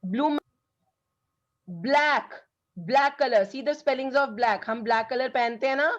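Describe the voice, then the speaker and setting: A woman's voice: sits high, unhurried, dull audio. A woman teacher with an Indian English accent, giving a phonics lesson to young children and switching between Hindi and English as she repeats words for them to read along. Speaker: school teacher. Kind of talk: classroom phonics lesson, slow and drawn out.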